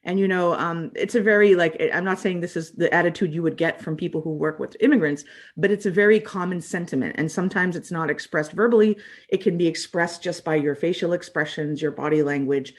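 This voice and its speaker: A woman's voice: fairly low pitch, brisk. A woman born in the United States, a refugee services trainer, giving a training talk in an earnest, conversational way with many fillers.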